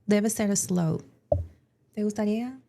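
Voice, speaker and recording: Dominican woman explaining at a steady pitch. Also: slow, vocal fry. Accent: Dominican Spanish. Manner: explanatory, uses many examples and fillers. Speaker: English teacher. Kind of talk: explaining in an educational podcast.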